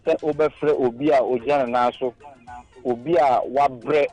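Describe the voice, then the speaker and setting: A man's voice: medium pitch, steady tone, normal speed, a little mellow, faint music behind. A man with a Ghanaian accent giving his opinion as a caller on a radio show, switching between languages as he argues. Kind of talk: opinionated call-in argument, mixing languages.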